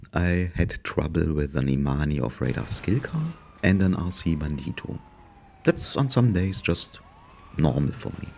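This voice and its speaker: Gamer guy voice-over, German accent, deep and gravelly, wry and sarcastic, slight hiss behind. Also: mellow. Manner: dry, amused, sarcastic. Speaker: gaming YouTuber narrating gameplay. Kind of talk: casual gameplay commentary.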